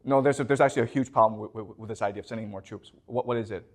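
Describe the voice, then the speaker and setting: A man's voice: fairly low pitch, racing. A man lecturing a class as a professor, often repeating words and constantly checking that the students understand.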